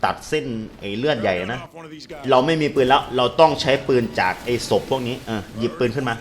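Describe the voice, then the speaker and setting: A man giving live gameplay commentary and translating a game's dialogue, with excitable, slangy exclamations. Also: mid-range voice, a little fast. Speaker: gamer translating a game into Thai. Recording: voice over loud game gunfire. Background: game gunfire and explosions.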